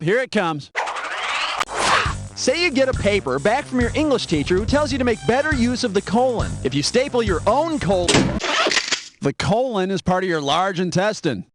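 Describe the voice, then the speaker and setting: A man playing a wisecracking, sarcastic adult quiz show host in a video game, teasing the player with jokes. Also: high voice. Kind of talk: scripted wisecracking quiz hosting. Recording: loud game music underneath. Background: loud game show music.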